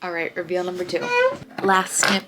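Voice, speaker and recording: A woman's voice: lowish voice, level tone, moderate pace, heavy background noise. A young woman in a casual, candid vlog voice-over. She is chatty and pokes fun at herself, and she has a runny nose. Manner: chatty, candid, self-deprecating. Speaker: vlogger.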